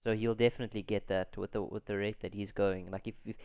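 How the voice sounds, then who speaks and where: Guy streamer, lowish voice, talks fast, casual chat, repeats himself starting sentences. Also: flat delivery, gravelly, clean tone, highs cut off. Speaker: stream host.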